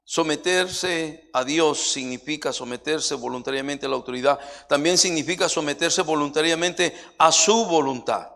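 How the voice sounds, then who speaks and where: A man with a Mexican Spanish accent preaching a sermon as pastor, swinging from hushed low passages to loud, high-pitched preaching and acting out biblical voices. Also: normal speed, vocal fry, hardly any pauses. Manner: acts out the voices of biblical figures.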